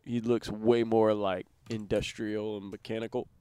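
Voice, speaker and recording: A man's voice: fairly low pitch, little pitch movement, normal speed, dark tone, clean tone, dry recording. Male podcast co-host, easygoing slangy chatter, dead-dry room. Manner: laid-back, says "dude" a lot, trails off with fillers. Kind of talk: casual chat.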